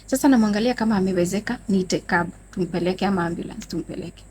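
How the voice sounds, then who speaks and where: A casual storytime vlog features a young Kenyan woman with a Kenyan accent speaking at a quick clip in a medium-pitched voice. Switching between Swahili and English, she spins a dramatic personal story with lively, theatrical delivery and addresses her viewers as "guys." Some light hiss or hum sits in the background.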